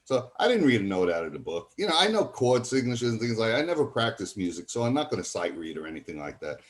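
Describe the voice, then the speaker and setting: Older New man with low voice. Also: sing-song, fast. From College Point, New York. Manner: rambling anecdotes, acting out others' lines. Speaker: guest musician. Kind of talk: casual storytelling interview.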